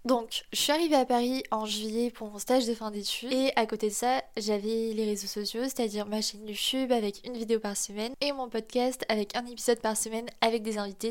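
A woman in her twenties with a nasal voice hosting a solo podcast, talking to listeners in a chatty, informal, self-deprecating way. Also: a little high. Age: 20s. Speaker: podcast host. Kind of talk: casual solo podcast talk addressed to listeners.

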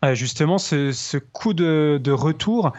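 Man, co-host, explanatory casual chat, higher pitch, dull lo-fi recording. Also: lively intonation, a little mellow. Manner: explanatory, pauses to search for words. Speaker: guitarist co-host. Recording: slightly dull lo-fi sound.

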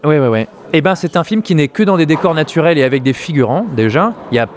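A man's voice: fairly high pitch, expressive, fast talker. A man from France talking casually about a film, hesitant, with many fillers and restarts. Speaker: film critic.

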